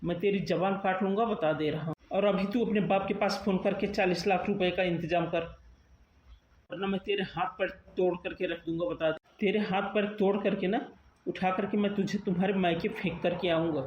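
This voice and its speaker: A violent young husband in a cartoon shouts threats, as a man acts him out. The recording is muffled and slightly noisy. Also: high-pitched, fairly even intonation, brisk, roomy sound, natural voice. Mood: threatening. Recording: muffled lo-fi sound.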